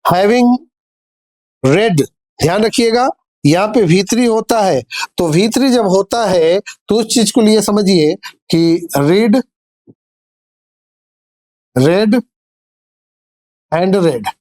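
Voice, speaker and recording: A male grammar teacher who talks slowly and carefully, reading each example sentence word by word. He poses questions to his students and then answers them himself, patient and encouraging. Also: high-pitched, darkish tone. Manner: explains patiently, asks questions and answers them himself, calls viewers dear children; reads English example sentences slowly and deliberately. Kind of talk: classroom-style grammar lesson.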